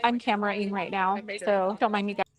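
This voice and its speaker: A woman's voice: mid-range voice, fairly even intonation, a little fast, crowd noise. Woman greeting live-stream viewers outdoors. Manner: friendly, greets chat by name. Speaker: streamer filming on location. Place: outdoors by a lake.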